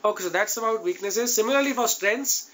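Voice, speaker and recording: A man's voice: high voice, brisk, sharp tone. A man with an Indian accent giving informal, direct advice to students as an interview coach, emphatic and often checking in with his listeners. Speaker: interview coach teaching an online class.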